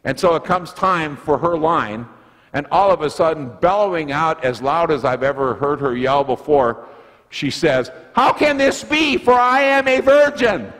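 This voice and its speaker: Slightly high-voiced and a little slow, an older American man delivers a sermon as pastor, using an object lesson, lively storytelling, and folksy asides. The church sanctuary gives a long reverb, and the sound is a bit husky.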